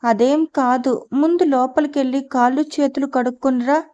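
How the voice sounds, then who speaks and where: A woman's voice: high voice, steady tone, moderate pace, warm tone, lo-fi sound, close to an everyday voice. A woman reading a fussing, thrifty mother. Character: thrifty anxious middle-aged mother.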